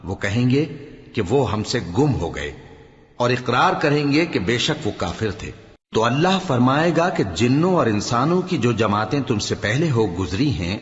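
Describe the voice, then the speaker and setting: Man, scripture reader, measured solemn delivery, mid-pitched, echoey hall. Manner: measured, solemn, falls low at verse ends. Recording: reverberant, dull lo-fi hall recording.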